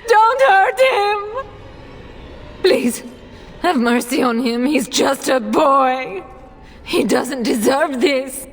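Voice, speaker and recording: A noble mother in a fantasy game, desperate and grieving over her son. She pleads slowly and emotionally in a fairly high voice. Soft music plays quietly behind her. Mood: pleading. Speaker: noblewoman character.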